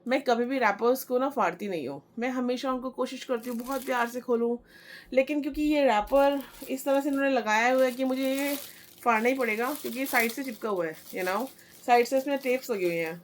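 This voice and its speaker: Chatty young woman, high voice. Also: a little fast, a little hiss or hum. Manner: chatty, mixes Hindi and English, excited. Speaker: vlogger. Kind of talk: casual unboxing vlog.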